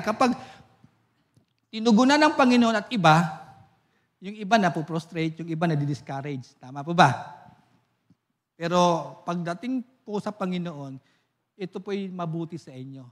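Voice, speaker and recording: Preaching a sermon during a church service, a man whose voice sits high speaks at a moderate pace. His storytelling is lively, he laughs often, and he keeps calling on the congregation for amens.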